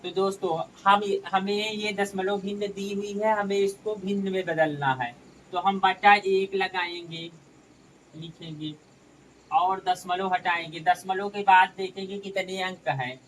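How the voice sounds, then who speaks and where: A man's voice: sits high, fairly even intonation, a little slow, fairly bright tone. Male maths tutor, patient step-by-step explainer, slightly distant mic with light background noise. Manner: addresses viewers as friends, talks through each step. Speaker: maths teacher.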